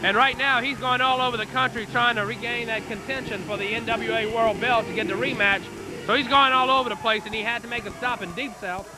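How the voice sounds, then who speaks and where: A man's voice: very high-pitched, steady tone, brisk, over music, poor audio. A man giving conversational, explanatory color commentary at a live wrestling event.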